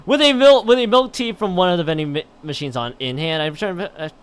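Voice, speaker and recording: Fast and high-pitched, with a fairly bright, clean tone, this man is reading a visual novel aloud during a live game stream. Words get stumbled over and repeated, and exasperated asides slip in.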